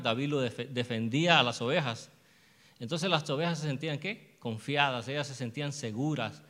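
A man's voice: medium pitch, a bit bright. Male preacher, sermon delivery, mid-range voice, call-and-answer questions, long church reverb. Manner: asks the congregation questions and answers them himself; slows down to stress verses.

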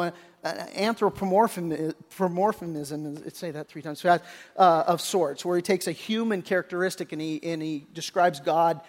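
An older man preaching a conversational sermon as pastor, folksy and full of restarts, often acting out the characters' lines. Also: sits high. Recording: long reverb of a large hall.

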